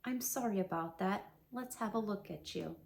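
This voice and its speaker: A woman's voice: medium pitch, moderate pace, gravelly, lightly acted. A woman voicing a kind, earnest male teddy bear who is eager to help, in a storybook read-aloud. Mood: concerned. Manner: eager, helpful.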